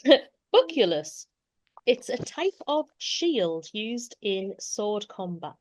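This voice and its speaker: A woman playing a panel guessing game, explaining in a measured way with small giggles. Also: medium pitch, very animated, slight background noise. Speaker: panel player. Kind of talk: casual panel game chat.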